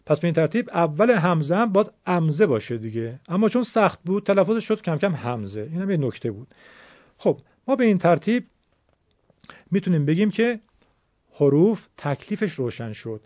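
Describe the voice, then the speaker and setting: A man's voice: a little high, big pitch swings, a little mellow, no echo. Patient man teaching recitation, dry dull sound. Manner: formal, patient, explaining step by step. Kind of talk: classroom-style explanation.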